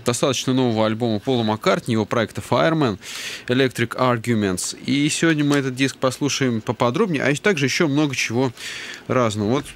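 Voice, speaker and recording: A man's voice: medium pitch, a little fast, slight background noise. A man co-hosting a live radio music show, introducing things in a casual, conversational way. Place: radio studio.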